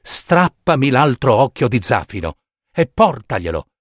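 A man voicing a sorrowful, gentle prince. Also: mid-range voice, big pitch swings, measured pace, no room sound, clean studio sound. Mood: pleading. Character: sad, kind statue prince, gentle and giving.

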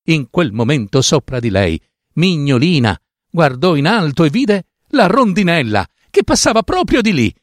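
A man reading a fairy tale aloud with a slow, sing-song, dramatic delivery on a close mic. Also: on the high side, big pitch swings, dry recording. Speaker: storyteller.

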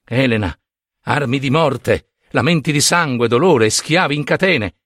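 A man's voice: medium pitch, animated, a little slow, a bit bright, dry recording, studio quality. A man voicing a grieving young prophetess princess who wails her visions in a lament. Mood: mournful. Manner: wailing lament, rising to shrieks.

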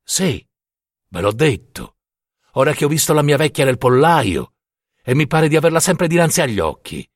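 Man voicing a guilt-ridden young peasant, earnest, animated pitch, dry close mic. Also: moderate pace, no room sound. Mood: defiant.

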